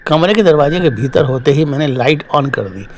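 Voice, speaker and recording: A man telling a first-person horror story in steady, dramatic scripted narration, closing as the show's host. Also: a little high, moderate pace, a little hiss or hum.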